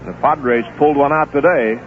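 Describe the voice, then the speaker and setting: The man is a play-by-play voice on live baseball radio, unhurried and steady, using the time between pitches for numbers and observations on the players. Some hiss or hum comes through the tinny 1970s AM broadcast.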